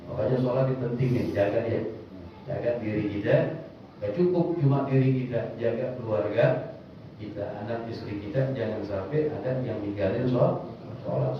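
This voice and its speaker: A man's voice: medium pitch, a little hiss or hum. A man teaching a casual religious study session, reciting Arabic lines and explaining them in everyday storytelling. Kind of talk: informal Islamic study sermon. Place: small prayer hall, echoey. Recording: echoey, distant, dull room recording.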